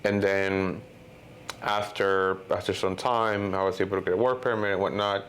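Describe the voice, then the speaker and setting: With a deep, fairly bright voice and fairly even intonation, a Honduran man in his thirties talks at normal speed as a guest filmmaker in a relaxed interview. He rambles, filling his speech with "like" and "you know," and there is slight background noise.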